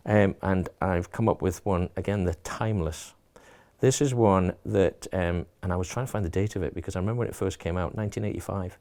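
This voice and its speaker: A middle-aged man talks through his advice in an interview, pausing and restarting as he thinks. His voice is low and mellow with a gravelly edge. He sounds reflective and plain-spoken. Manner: thoughtful, restarts and repeats words, offers homely advice. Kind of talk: reflective casual conversation.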